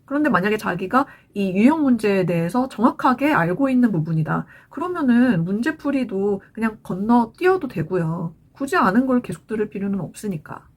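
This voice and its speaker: A woman's voice: mid-range voice, big pitch swings, brisk, hardly any pauses. A woman in her forties, a parent vlogger giving chatty advice to other parents in a scripted talk to camera.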